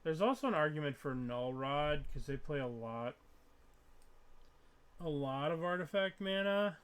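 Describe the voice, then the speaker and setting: A man's voice: on the high side, lively intonation, a little slow, a bit bright, clean tone. A man casually thinking aloud as he plays a card game, muttering his moves and swearing when frustrated. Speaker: player commentating his own online card game matches. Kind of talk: casual gameplay commentary.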